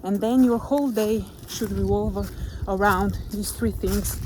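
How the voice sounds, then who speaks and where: A Slovenian woman vlogs while walking outdoors in nature, camera held as she speaks English as a second language. Her monologue is gentle, reflective and motivational, and she sometimes gropes for words. Her mid-range voice stays steady and unhurried, with background noise.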